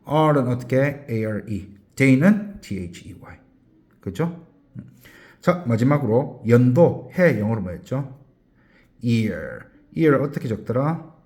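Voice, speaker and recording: A male English teacher runs a classroom drill, asking the same short questions again and again and spelling each word one letter at a time. His pitch swings widely as he prompts, and overall he keeps an unhurried pace. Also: big pitch swings, a little mellow. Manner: repetitive question-and-answer drilling, spells words out letter by letter slowly; calls himself teacher, prompts with quick questions. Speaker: English teacher at a language academy.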